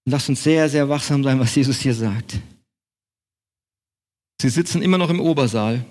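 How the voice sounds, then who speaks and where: A man's voice: medium pitch, moderate pace, a little mellow. A man preaching a sermon in German as pastor of his congregation, with an emphatic, repetitive cadence.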